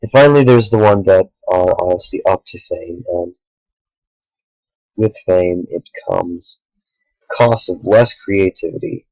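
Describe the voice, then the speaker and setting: A tired young man talking earnestly to the camera late at night, a small YouTuber speaking in halting sentences with sighs. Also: low-pitched, a little mellow, no room sound, rough recording. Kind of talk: sincere direct-to-camera talk.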